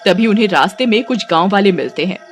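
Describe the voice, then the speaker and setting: A woman's voice: mid-range voice, expressive, quick pace, background noise. A woman narrator reading a scripted story. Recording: music behind the voice.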